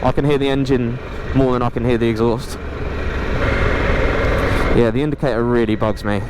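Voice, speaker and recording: A man's voice: medium pitch, steady tone, normal speed. A man giving casual motorcycle review commentary while riding, speaking from behind a helmet visor. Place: outdoors, riding a motorcycle on wet roads. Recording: loud engine, wind and road noise.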